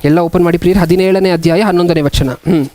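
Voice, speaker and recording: A man preaching a sermon as a pastor, asking the congregation many questions and reading scripture slowly. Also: high voice, steady tone, darkish tone.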